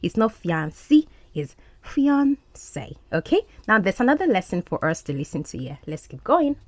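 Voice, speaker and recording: A woman's voice: lowish voice, sing-song, dry recording. A woman explaining English words and idioms in a podcast lesson, checking in with "okay?". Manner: explains slowly, often asks "okay?". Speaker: English teacher.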